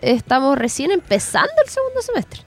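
A woman's voice: sits high, huge pitch swings, a little fast, faint music behind. A woman with a Chilean accent and a congested, nasal voice from a cold, co-hosting a casual radio chat. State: stuffed up with a cold. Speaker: radio show co-host.

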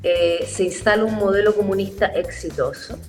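A woman, a theatre guest explaining her play in a measured, explanatory way. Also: medium pitch, darkish tone, soft background music. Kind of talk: interview.

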